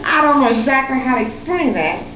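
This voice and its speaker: A woman's voice: high voice, lively intonation, a little fast, noisy background. Playful woman songwriter on old tape. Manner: playful, bantering, laughs often. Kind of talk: casual chat among friends. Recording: old echoey tape recorded from far off.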